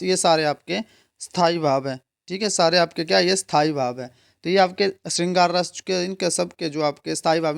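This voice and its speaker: A man's voice: on the high side, gravelly. A man teaching an exam preparation lesson, explaining step by step and asking and answering his own questions.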